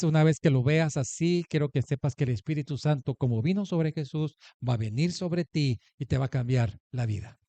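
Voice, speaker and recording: A man's voice: medium pitch, mellow, no echo. A man preaching a sermon as pastor, emphatic, asking the congregation questions and answering them. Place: church in the United States.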